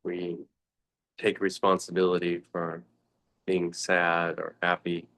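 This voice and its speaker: This is a guided meditation talk from a male teacher whose voice is low-pitched and monotone. His delivery is contemplative, punctuated by long pauses.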